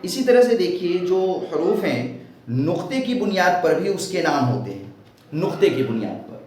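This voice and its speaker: Male grammar teacher, slow, repetitive, leans on tag questions; raised pitch, boomy echoey room. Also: sing-song, a little mellow, slight background noise. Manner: asks questions and answers them himself. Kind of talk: Urdu grammar lesson.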